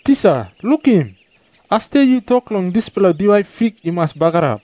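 A man playing an excitable disciple in a scripture drama. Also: high-pitched, normal speed, dry recording. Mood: amazed. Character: excitable male disciple addressing his teacher in amazement.

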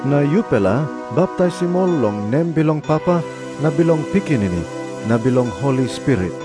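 An actor playing a calm, commanding male holy teacher in a scripture drama, in Papua New Guinea pidgin with a Papua New Guinean accent. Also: on the high side, normal speed, close to an everyday voice. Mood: solemn, commanding. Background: music behind the voice.

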